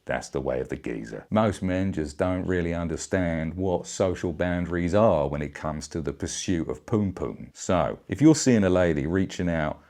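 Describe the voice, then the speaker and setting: Middle-aged bloke ranting, really low voice, cheeky and crude. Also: male voice, animated, moderate pace, few pauses, darkish tone. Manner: brash, bawdy, blokey banter. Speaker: vlogger. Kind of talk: satirical comedy rant.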